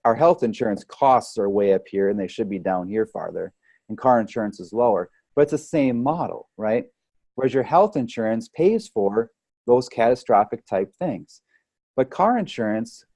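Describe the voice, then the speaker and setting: This is a man with a medium pitch and a warm tone, recorded with no room sound. He is a chiropractic or holistic health practitioner being interviewed on a podcast, talking in a casual way, explaining through analogies and repeatedly checking in with "right?"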